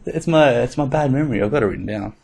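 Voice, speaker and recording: A man's voice: medium pitch, animated, quick pace, creaky, a little mellow, slightly rough. A man co-hosting a podcast, chatting casually in a laid-back, rambling way with plenty of fillers and swearing. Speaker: podcast co-host. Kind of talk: casual chat.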